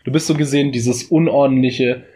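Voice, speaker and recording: A man in a relaxed podcast conversation, his voice husky and a little breathy. He jokes freely, wanders off into playful tangents and riffs on his own ideas. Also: mid-range voice, a little fast. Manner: joking, playful, rambling asides. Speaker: podcast co-host. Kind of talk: casual podcast chat.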